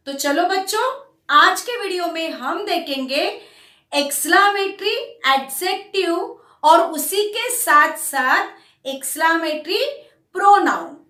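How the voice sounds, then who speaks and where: A woman teaching a grammar lesson to children, speaking slowly and deliberately as she reads example sentences aloud. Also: very high-pitched, bright, forceful tone, distant mic. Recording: roomy echo, away from the mic.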